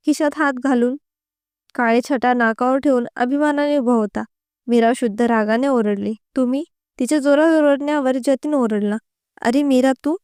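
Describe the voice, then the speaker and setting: A woman narrates a scripted story in a steady, even reading voice. Her tone is high and smooth, with a crisp resonance. The recording is dry, close to the mic. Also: dry recording.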